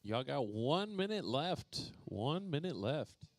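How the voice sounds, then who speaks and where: Man, RC race announcer, playful and joking, lively swinging pitch, dry close sound. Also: slow pace, no echo. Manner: playful, joking, calls out drivers by name. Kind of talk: live race commentary. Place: indoor RC racetrack.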